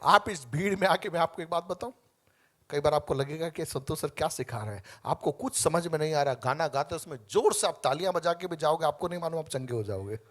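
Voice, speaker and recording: A man preaching a fervent sermon as pastor, moving from quiet asides to loud calls for the congregation to answer back. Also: on the high side, fairly quick. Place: church hall.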